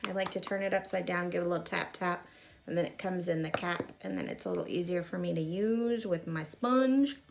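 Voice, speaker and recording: Talking briskly in a lowish voice with vocal fry, a woman in her mid-thirties gives a casual makeup tutorial sprinkled with self-deprecating remarks. She's a makeup vlogger in a small room against a gray curtain, filmed on a fixed camera at arm's length.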